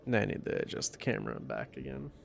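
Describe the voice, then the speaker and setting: A man's voice: mid-range voice, huge pitch swings, quick pace, gravelly. A tired young man streaming a game, musing and muttering to himself as he plays. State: tired, yawning. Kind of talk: casual live-stream gaming chat. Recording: game music under the voice. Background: game music.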